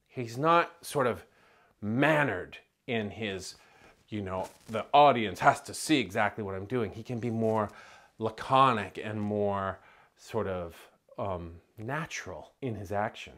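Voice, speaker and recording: A man's voice: lowish voice, measured pace, a bit bright. A man giving an explanatory video lecture on film acting, conversational, with asides and self-corrections.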